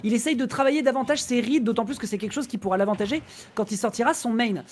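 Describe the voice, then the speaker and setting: Fast-talking esports caster. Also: medium pitch, a little mellow. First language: Italian. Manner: rapid, analytical, quick self-corrections. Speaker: co-commentator. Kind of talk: esports play-by-play commentary.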